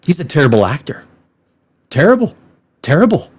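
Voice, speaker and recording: A man's voice: on the high side, big pitch swings, moderate pace, a little mellow, breathy edge. A man hosting a blunt, sarcastic movie review, laughing often as he rants. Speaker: film critic host.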